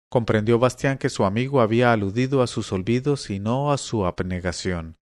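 A man narrating a fantasy novel aloud in a measured, expressive audiobook reading. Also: fairly low pitch, no room sound, studio quality.

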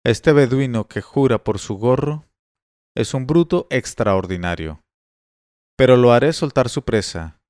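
A man's voice: medium pitch, animated, measured pace, darkish tone, clean tone, no room sound, clean studio sound, natural voice. A man voicing a patient, courteous older merchant who bargains in a coaxing tone in a read-aloud tale. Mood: polite, coaxing.

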